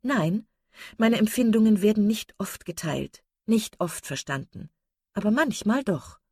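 A woman's voice: sing-song, normal speed, darkish tone, breathy edge, dry recording, studio quality, full character voice. A woman reading an audiobook voices a passionate, dreamy young woman who gushes and exclaims. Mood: rapturous. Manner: gushing, exclamatory, rising high. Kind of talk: audiobook character voice.

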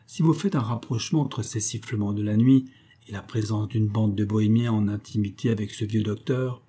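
A man voicing a calm, ironic male detective who reasons aloud in a slightly raised tone, in an audiobook reading. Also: on the low side, a little fast, husky. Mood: reasoning. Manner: cool, mocking, raised tone.

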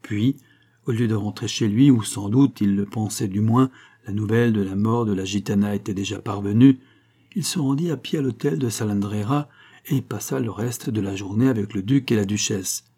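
A man giving a scripted, dramatic and expressive narration of a classic novel. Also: on the low side, moderate pace, husky. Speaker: audiobook narrator.

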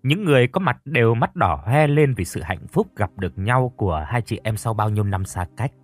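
A man narrating an audiobook story in a steady, measured way. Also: on the low side, faint music behind.

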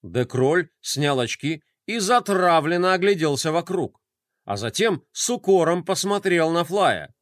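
A man narrating a children's audiobook in an expressive, lively way. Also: on the high side, unhurried, no room sound, clean studio sound. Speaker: storyteller.

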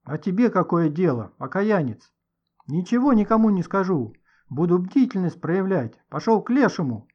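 A man's voice: high-pitched, very animated, normal speed, a little mellow, lo-fi sound, pitched above the performer's own voice. A man voicing a grumpy, tearful elderly woman who scolds and curses over the phone. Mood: scolding, bitter. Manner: scolding, bitter, cursing.

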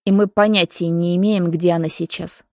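A woman's voice: lowish voice, steady tone, moderate pace, no room sound, clean studio sound, close to an everyday voice. A woman reading an audiobook, voicing a weary middle-aged father who speaks in a subdued, heavy way. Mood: somber.

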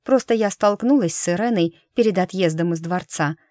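A woman reading a lively, teasing young woman in an audiobook, quick and emotional in her lines. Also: on the low side, no room sound, clean studio sound, natural voice. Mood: chatty.

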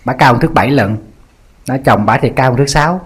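Nhà sư giọng miền Nam kể chuyện dí dỏm. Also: male voice, medium pitch, fast, breathy edge. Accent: Southern Vietnamese. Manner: lively, teasing, anecdotal. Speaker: Buddhist monk. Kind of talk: humorous sermon storytelling.

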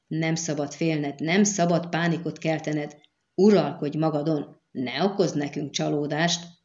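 A woman's voice: low voice, steady tone, a little mellow, lo-fi sound, natural voice. A woman voicing a fierce, hot-tempered young sorceress who scolds sharply, in an audiobook reading. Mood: tense.

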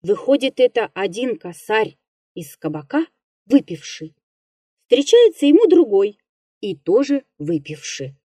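A woman's voice: on the high side, very animated, unhurried, mellow, no echo, studio quality. A woman voicing a frightened, pious old male forester who pleads in a plaintive, wailing way. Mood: grumbling.

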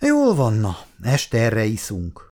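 A man voicing a jovial army lieutenant who teases his friend loudly and heartily in an audiobook. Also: on the low side, huge pitch swings. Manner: loud, mocking, hearty. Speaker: platoon lieutenant.

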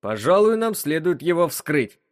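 A gruff, bossy spaceship captain barks orders in a raised, loud voice, as a male narrator puts him on. He sounds impatient and commanding. The recording is dry and close. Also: a little high, very animated, a little slow, dry recording, pitched above the performer's own voice. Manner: commanding, impatient, shouting at times.

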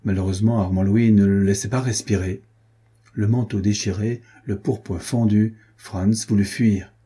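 Male audiobook narrator, husky and mellow, measured delivery. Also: lowish voice, fairly even intonation. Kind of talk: scripted narration of a classic novel.

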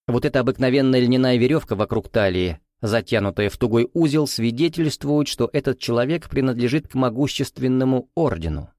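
Male audiobook narrator, mid pitch, measured delivery, dry close sound. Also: lively intonation, a little mellow, no echo. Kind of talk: scripted narration.

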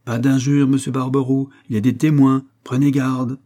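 A man reading the part of a calm, sly junk dealer in a novel. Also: mid-range voice, moderate pace, close to an everyday voice. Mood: warning. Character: cool, unflappable male junk dealer.

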